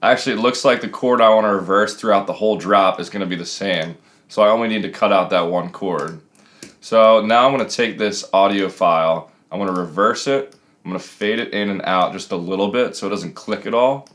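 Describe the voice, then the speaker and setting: Low-voiced man giving a casual tutorial. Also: a little fast, fairly bright tone. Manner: casual, explanatory. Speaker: music production tutor. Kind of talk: casual screen-recorded tutorial narration. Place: small home room.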